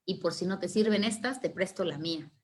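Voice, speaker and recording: A woman voicing Anger, an impatient but brotherly male emotion, speaking brisk and matter-of-fact. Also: fairly low pitch, a little mellow, close to an everyday voice. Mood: explaining.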